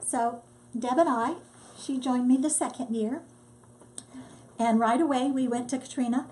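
An older woman, a disaster relief volunteer, telling her story in a lively, casual way and acting out what people said. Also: a little high, unhurried. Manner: lively storyteller, acts out quotes. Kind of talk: casual testimony.

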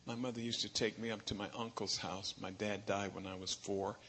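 A man preaching a sermon, telling personal stories in an animated way with chuckles between lines. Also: fairly low pitch, brisk. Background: guitar music.

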